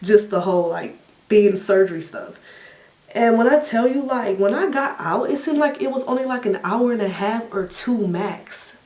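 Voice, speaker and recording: A young woman vlogger telling a story in a casual question-and-answer chat, animated and laughing often, acting out her own reactions in a higher voice. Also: normal speed, distant mic. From United States. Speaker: beauty vlogger. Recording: echoey room, a bit off mic.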